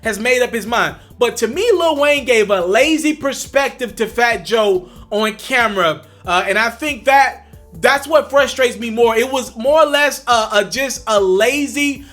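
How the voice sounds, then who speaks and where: In his direct-to-camera commentary vlog, a young man speaks to viewers in a very high-pitched, slightly bright voice, taking his time over faint background music. He is emphatic and hammers his points home by repeating them.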